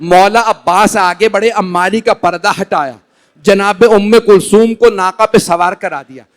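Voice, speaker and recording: A high-pitched male cleric with a Pakistani Urdu accent delivers a Muharram mourning sermon inside a large hall. He recounts tragic episodes slowly, in a lamenting tone.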